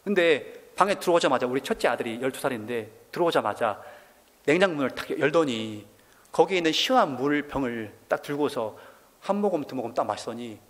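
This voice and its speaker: A man in his forties from South Korea, a missionary giving his testimony during a church service. He tells his story in an animated way, and his voice rises when he is moved. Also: medium pitch, fairly quick, long reverb tail.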